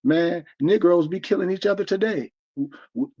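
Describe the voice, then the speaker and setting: An American man in his forties hosts a livestream discussion, speaking at normal speed in a high, warm voice. His delivery is preachy and emphatic, with many restarts. The stream audio is dull and lo-fi.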